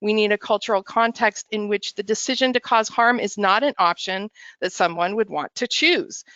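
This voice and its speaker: Clear-voiced woman presenting earnestly. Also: medium pitch, fairly bright tone, no echo. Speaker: presenter introducing other speakers. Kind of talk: prepared advocacy presentation. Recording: muffled, dry audio.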